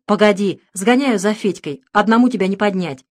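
A man's voice: high-pitched, normal speed. A woman reading an audiobook, voicing a skeptical, brusque man who mocks his friend. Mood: mocking. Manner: loud, mocking.

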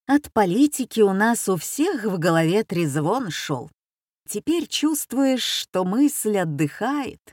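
A woman's voice: mid-range voice, big pitch swings, darkish tone, dry recording, studio quality. A woman voicing a fawning, pretentious male lodger who stretches out his exclamations. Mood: tactful. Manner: drawn-out, delighted exclamations.

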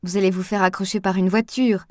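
A woman's voice: mid-range voice, steady tone, quick pace, darkish tone, no room sound, studio quality, close to an everyday voice. Woman reading as a reserved young woman doctor. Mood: polite. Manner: brief, polite replies.

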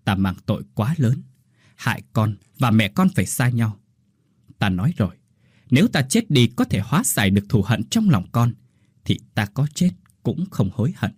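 A man voicing a dying older woman who speaks gently and with remorse in a ghost story. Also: medium pitch, big pitch swings, normal speed, breathy edge, dry recording, studio quality. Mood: sorrowful. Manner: soft and tender.

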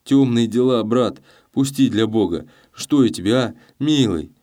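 A man's voice: medium pitch, unhurried, warm tone, voice pushed up, lightly acted. Man doing a terrified pleading peasant lad. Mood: begging. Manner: whining, begging, sobbing pleas.

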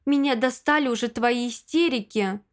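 A woman's voice: on the high side, moderate pace, natural voice. A woman reading the lines of an angry, impatient young man in an audiobook, snapping and curt.

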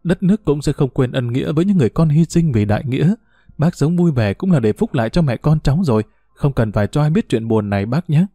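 A man's voice: fairly high pitch, expressive, fast, dark tone, dry recording. A man voicing a kind, forgiving young woman who talks politely and earnestly to an older man.

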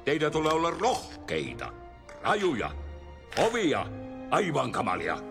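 An actor voicing a stern, formal elderly male monster boss who lectures his trainees, in an animated film dub. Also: on the high side, creaky, soft background music, full character voice. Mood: lecturing.

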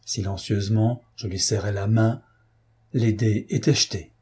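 Dark, husky male storyteller. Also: on the low side. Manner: steady, measured storytelling. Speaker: audiobook reader. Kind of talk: scripted narration.

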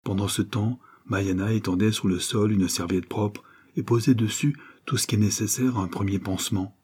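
Male audiobook reader, low mellow voice, steady storytelling narration. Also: moderate pace, slightly rough. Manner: steady storytelling with lifted voice in dialogue.

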